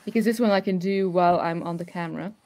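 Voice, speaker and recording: A woman's voice: lowish voice, fast, a little mellow. A woman presenting a live online science demonstration, explaining step by step with frequent fillers, recorded on a camera mic indoors. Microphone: webcam or phone camera mic.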